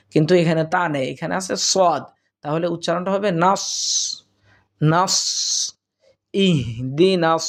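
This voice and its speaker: A man teaching correct pronunciation of Quranic recitation, explaining patiently and drawing out each word slowly for practice. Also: fairly high pitch. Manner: slow, drawn-out recitation of words, repeated for practice. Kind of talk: tajweed pronunciation lesson.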